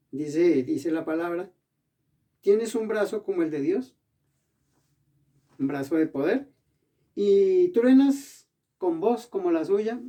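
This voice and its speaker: A man preaching a sermon in a church, with emphatic bursts, slowing down to read scripture aloud. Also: on the high side, vocal fry, dark tone, distant mic.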